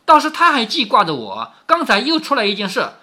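Man reading as a weary sharp noblewoman. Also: very high-pitched, wildly swooping pitch, a little fast, heavily acted. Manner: weary, resigned complaining. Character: sharp-tongued young noblewoman managing a household.

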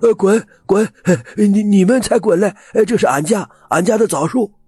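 Befuddled old villager, stuttery and rambling, squeaky high, faint music behind. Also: male voice, dark tone, breathy edge, no echo, studio quality. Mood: defiant. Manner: halting, stammering, muddled talk. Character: confused, rambling old village man who has lost his wits.

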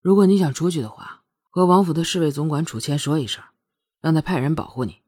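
A woman reading a novel aloud, putting on a lower voice for a composed, protective young prince who speaks calmly. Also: quick pace, breathy edge.

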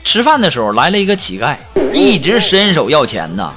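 A man's voice: on the high side, wildly swooping pitch, fairly quick. A man hosting a comedy show, telling funny anecdotes with laughing asides. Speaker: comedy podcast host. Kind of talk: joke storytelling. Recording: music bed behind voice.

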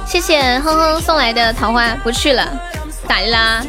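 Young female streamer, high bright voice, cutesy and playfully dramatic, music playing behind. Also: moderate pace. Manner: playful, cutesy, melodramatic pleading. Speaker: live streamer. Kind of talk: casual livestream chat. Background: background music.

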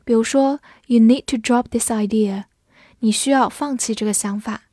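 A woman reads a scripted English vocabulary lesson, spelling words one letter at a time and slowly reading example sentences. Her voice is on the high side and warm, with no room sound.

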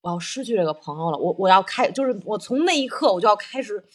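A woman's voice: medium pitch, animated, fast. A woman telling a personal story in casual conversation, earnest and self-reflective, explaining her feelings at length.

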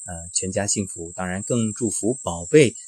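A man with a low, husky voice hosts an interview and sums up his guest's story in measured, formal phrases. The sound is dry and close. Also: darkish tone, dry recording. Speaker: interview host. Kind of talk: hosted interview.

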